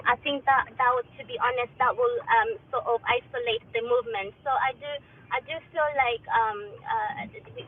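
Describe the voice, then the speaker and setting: A woman from Kenya speaking earnestly and hesitantly in a casual discussion, heard through a Bluetooth headset mic that sounds far off. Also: on the high side. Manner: earnest, hesitant, with many restarts. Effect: Bluetooth headset mic, heard as if from afar. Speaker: diaspora participant in an online audio discussion. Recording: tinny Bluetooth call line with faint noise.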